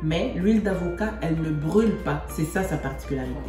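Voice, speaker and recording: Demonstrating a recipe, a woman from Congo chats away as she cooks, often repeating and rephrasing herself. Her low voice moves briskly with lively intonation. The sound is roomy, and music plays in the background.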